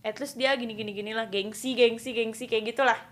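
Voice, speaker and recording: A woman's voice: a little high, fairly even intonation, quick pace, a bit bright. A woman in her twenties co-hosting a casual chat, talking loosely and dropping English phrases into her speech. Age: 20s. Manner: chatty, mixes English phrases into her talk. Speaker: podcast co-host.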